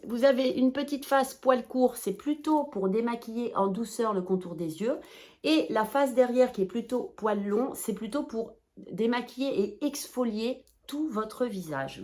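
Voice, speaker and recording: Bubbly, rambling woman vlogger. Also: mid-range voice. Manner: bubbly, rambling, excitable with playful exclamations; talks straight to viewers, chatty and informal. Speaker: shopping haul vlogger. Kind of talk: casual haul video chat.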